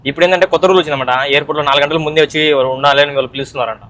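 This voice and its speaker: A man's voice: a little high, very fast, a bit bright. A young man narrating a casual vlog, chatty and teasing as he talks straight to viewers. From Andhra Pradesh, India. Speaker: vlogger.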